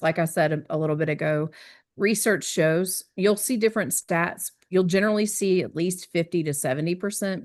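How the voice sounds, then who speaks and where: A woman presenting on a wellness team, explaining communication in an earnest, teaching way and often checking in with "right?". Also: sits low. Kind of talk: teaching discussion.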